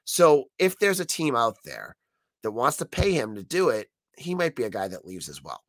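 An American man with a hoarse, croaky frog voice from being sick gives opinionated, conversational sports commentary as a solo podcast host. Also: medium pitch, huge pitch swings, moderate pace, no room sound.

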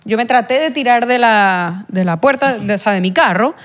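A young adult woman, a podcast guest who tells a personal story in an earnest, halting way, full of fillers and restarts. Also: fairly high pitch. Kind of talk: personal testimony in a podcast interview.

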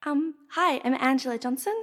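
Nervous young violinist, high voice, echoey hall. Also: female voice, fairly quick, fairly bright tone. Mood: timid. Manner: hesitant, timid. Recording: reverb in a hall.

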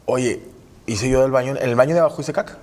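A man's voice: medium pitch, quick pace. A man with a Mexican accent, co-hosting a casual comedic chat and telling rambling stories. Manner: rambling, animated storytelling. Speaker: podcast co-host.

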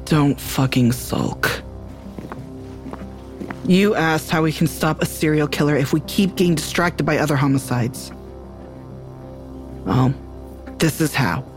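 An actress playing a blunt, tough sheriff who speaks in a curt, commanding way. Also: female voice, deep voice, measured pace, pauses often, soft background music. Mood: stern. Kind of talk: audio drama acting.

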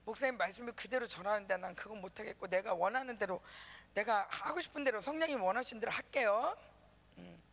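A pastor's wife telling a lively story to children in a sermon, acting out voices as she goes. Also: medium pitch, fast, creaky. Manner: lively, acts out voices, talks to kids.

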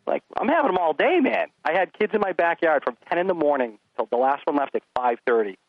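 A middle-aged man chats casually as a podcast guest, animatedly acting out stories about his kids and himself. His voice is on the high side and he talks fast. The recording is dry, with phone-quality sound.

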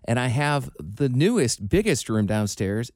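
A man from Iowa hosts a radio chat, teasing his co-host and telling quick stories. His voice sits in a middle register. It is recorded dry and close in a home studio. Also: medium pitch, sing-song, darkish tone, no room sound. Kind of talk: casual chat.

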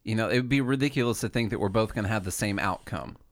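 A man co-hosting a casual podcast chat, calmly walking through figures and examples step by step. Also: lowish voice, no echo. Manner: measured, explanatory, walks through statistics step by step.

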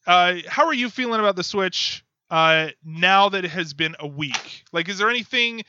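A man hosts a casual podcast and tells stories in a light, chatty way, often laughing. His voice sits a bit high and sounds bright. The audio is dull, lo-fi and dry. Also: expressive, normal speed, smooth, dry recording. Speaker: podcast host.

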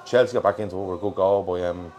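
Low-voiced Irish man hosting. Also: fairly even intonation, very fast, a little mellow. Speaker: football show host. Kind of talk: casual live chat. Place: pub in Liverpool. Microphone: worn mic.

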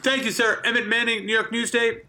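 A man's voice: very high-pitched, level tone, fairly quick, sharp tone, heavily acted. A man voicing a prying male newspaper reporter in a comedy press conference sketch.

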